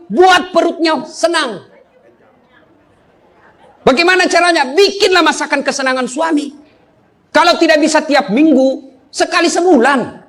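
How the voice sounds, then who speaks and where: A middle-aged male Islamic preacher who gives a humorous sermon, joking and calling out to his audience. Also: very high voice. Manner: joking, animated, calls out to the audience.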